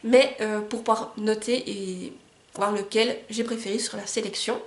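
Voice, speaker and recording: A woman's voice: mid-range voice, fairly even intonation, unhurried. A woman book vlogger chatting eagerly about new books and reading their back-cover summaries aloud. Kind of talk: casual book haul vlog. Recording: roomy echo.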